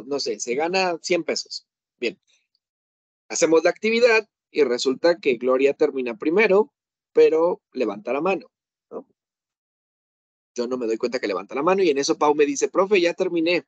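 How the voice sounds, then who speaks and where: A man's voice: on the high side, dry recording, dull audio. A man teaching English grammar to a class, explaining with everyday examples and checking in often.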